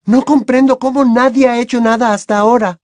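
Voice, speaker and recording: A man voicing a shrill, earnest schoolgirl witch. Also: steady tone, a little fast, darkish tone, no echo. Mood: earnest, indignant. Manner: insistent, indignant, precise. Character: earnest, bossy teenage girl witch. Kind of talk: audiobook character voice.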